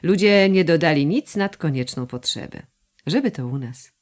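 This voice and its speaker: A woman voicing a devoted male foreign escort in an audiobook, reserved and quiet. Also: deep voice, animated, normal speed. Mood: wistful.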